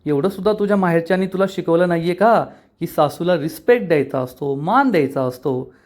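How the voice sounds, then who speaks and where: A man's voice: a little high, lively intonation, a little fast, close to an everyday voice. A man voicing a haughty, bossy older woman who scolds and threatens.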